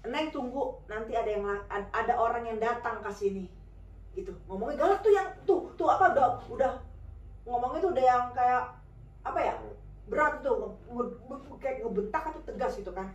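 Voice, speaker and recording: A woman's voice: fairly high pitch, moderate pace, pauses often, muffled recording. Woman chatting through a story, lots of fillers, kinda far from the mic in a roomy space. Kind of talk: casual spoken storytelling.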